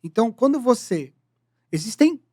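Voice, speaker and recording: A man's voice: very high voice, sing-song, moderate pace, dark tone, husky, no echo, studio quality. A man co-hosting a podcast, teaching sales communication in an explanatory, lecturing manner that defines terms step by step. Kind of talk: casual podcast discussion.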